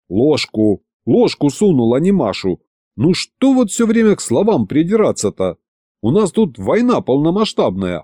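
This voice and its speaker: Wry expressive male storyteller. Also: medium pitch, no room sound, clean studio sound. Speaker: narrator. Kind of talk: audiobook narration.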